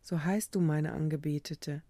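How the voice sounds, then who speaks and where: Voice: medium pitch, steady tone, moderate pace, mellow, no echo, natural voice. A storyteller voicing a dying man who whispers weakly in a storybook reading. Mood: whispering. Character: dying man, weak and tearful.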